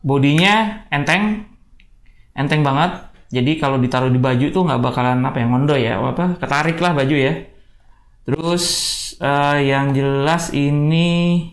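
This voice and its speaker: A man giving a casual product review, chatty and addressing viewers often. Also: mid-range voice. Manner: chatty, says "guys" a lot. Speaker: tech reviewer.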